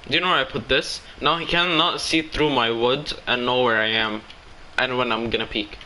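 A man commentating live as he plays a shooter game, excitable and talking to himself. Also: mid-range voice, normal speed, a little hiss or hum. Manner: excitable, talks to himself while playing. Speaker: gaming streamer.

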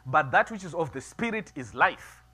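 A middle-aged man preaching a sermon in a small church, moving from quiet musing to loud, emphatic preaching. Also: fairly high pitch, expressive, normal speed, husky. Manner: builds from soft musing to loud preaching, gestures widely. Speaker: pastor. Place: small church sanctuary, seated before altar flowers.

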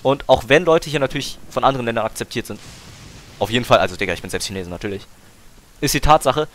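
A man's voice: mid-range voice, lively intonation, quick pace, a bit bright, a little hiss or hum. A young man streaming a game, chatting casually and arguing his point in slangy talk, pushing on through interruptions. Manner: argumentative, slangy, talks over interruptions. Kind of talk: casual chat while gaming.

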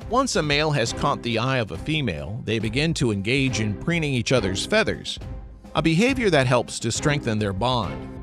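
Guy narrating a nature documentary, pitch moves around a lot, music playing behind him. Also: very animated, moderate pace. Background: background music.

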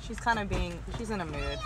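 A woman's voice: medium pitch, noisy background. A young woman vlogging in a casual, chatty way and explaining her workout sets. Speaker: fitness vlogger. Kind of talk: casual vlog narration.

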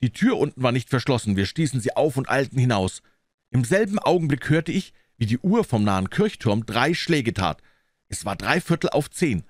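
A man reading an old detective story aloud in the first person, with expressive delivery. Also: medium pitch, normal speed, dry recording, studio quality. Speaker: audiobook reader.

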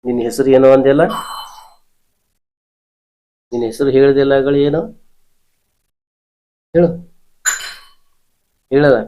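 A man's voice: mid-range voice, steady tone, slow pace, pauses often, warm tone, rough recording. A man leads a ritual session as a spirit healer. He presses with short commands and questions, repeating them again and again without letting up. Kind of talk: ritual interrogation.

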